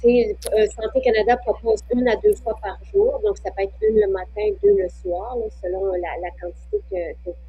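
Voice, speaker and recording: A woman with a Quebec French accent hosts a casual chat show, talking briskly in a steady, medium-pitched voice with hardly any pauses. She's chatty, shares her own habits and reads out viewer questions. The audio has its highs cut off and a little hiss or hum.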